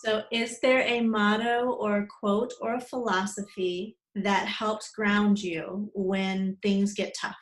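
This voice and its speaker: A woman hosting an interview, asking measured questions. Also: mid-range voice, little pitch movement. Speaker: interview host. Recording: echoey room.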